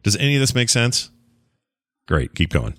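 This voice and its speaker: A man's voice: mid-range voice, very animated, moderate pace, a bit bright, dry recording. A man hosting a casual reaction to an old TV show, rambling with joking asides. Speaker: reaction host.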